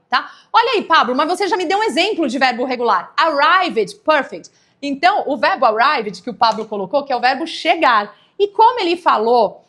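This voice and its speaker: High-voiced woman teaching English. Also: fairly bright tone. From Brazil. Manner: patient, checks in often with the audience. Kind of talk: live online lesson.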